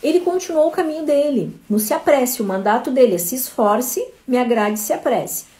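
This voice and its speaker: A woman's voice: sits high, animated, fairly quick, warm tone. A woman, a motivational speaker telling a parable in a conversational way. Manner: conversational, addresses listeners as "gente".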